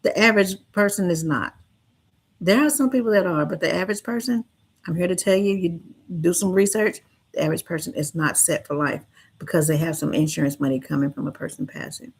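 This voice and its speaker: A woman speaking gently and earnestly in a heartfelt livestream talk, reassuring listeners like a counselor. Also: lowish voice, fairly quick, slightly rough. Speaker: grief counselor and livestream host.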